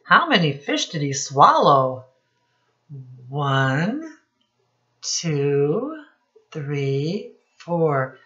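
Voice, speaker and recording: Speaking from a small room at home, a middle-aged woman reads a picture book to young children in a teacherly way, addressing them directly and stopping to point things out and pose questions. Her voice sits low but is very animated and fairly bright, though the recording's highs are cut off.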